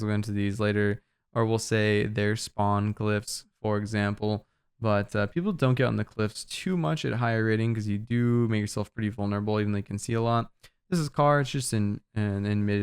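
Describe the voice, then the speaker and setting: A man's voice: fairly low pitch, clear, resonant tone. A young man casually walking through game map callouts, loose and full of fillers, a little out of breath. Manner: relaxed, loose, filler-heavy explaining. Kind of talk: casual game guide narration.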